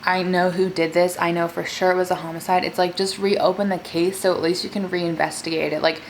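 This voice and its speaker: This mukbang host talks fairly quickly in a flat, fairly low voice while sharing a true-crime story, her chatty delivery full of fillers, especially "like." The poor-quality audio carries a bit of background noise.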